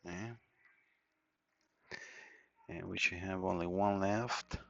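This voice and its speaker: A native Spanish speaker from Costa Rica, with a Costa Rican Spanish accent, thinks aloud and mutters informally to himself while working through a hands-on electronics repair at an indoor workbench. His low voice is creaky, pushed and bright, fairly even in intonation, and slow. An action camera mic captures dull, lo-fi audio.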